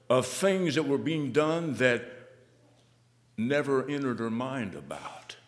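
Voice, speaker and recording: A man preaching a sermon, dropping to low murmurs and rising to fervent shouts. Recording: long hall reverb.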